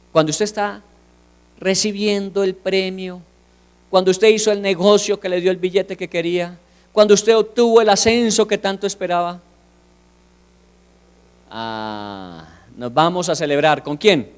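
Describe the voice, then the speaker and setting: A man preaching a sermon, firing rhetorical questions and swinging from hushed asides to loud declarations. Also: fairly high pitch. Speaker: pastor.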